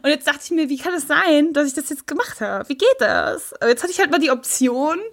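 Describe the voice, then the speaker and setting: A young woman in casual podcast chat, telling animated stories and laughing often. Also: high voice, brisk. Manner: animated storytelling, imitates voices, laughs often. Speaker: podcast guest.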